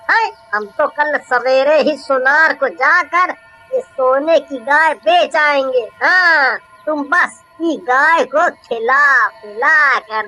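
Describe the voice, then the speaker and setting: A woman voicing a simple, easily scared village laborer in a cartoon story, talking in a drawling, rustic, excitable way. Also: high-pitched, full character voice. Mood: dismissive.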